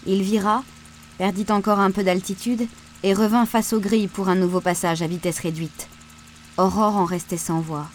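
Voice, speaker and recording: A woman narrating a novel aloud in an audiobook, with a measured, even reading. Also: mid-range voice, a little hiss or hum. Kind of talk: scripted narration.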